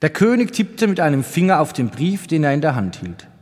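A man narrating a children's storybook in a calm, even storytelling manner. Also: a little high, a little fast. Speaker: audiobook narrator. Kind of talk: scripted narration. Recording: long reverb.

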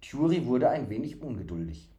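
A man's voice: mid-range voice, very animated, brisk, dark tone, husky. A man reading a story aloud, breaking off for casual, rambling explanations with fillers. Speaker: audiobook reader.

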